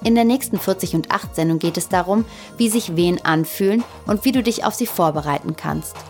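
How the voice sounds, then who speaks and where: A woman with a slightly lower voice reads a prepared script for her podcast. Her delivery is calm and measured. It has a soothing, unhurried evenness. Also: soft background music. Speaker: podcast host. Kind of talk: scripted narration.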